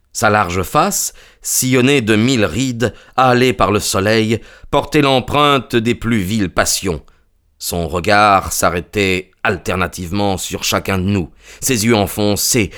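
A man narrating in first person as the detective's companion, measured and descriptive. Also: fairly low pitch, a bit bright. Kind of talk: dramatized audiobook narration.

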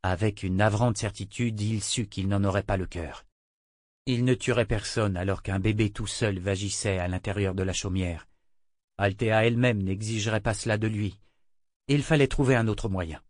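A man narrating an audiobook in a measured, even storytelling manner on a close studio mic. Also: fairly low pitch, dry recording.

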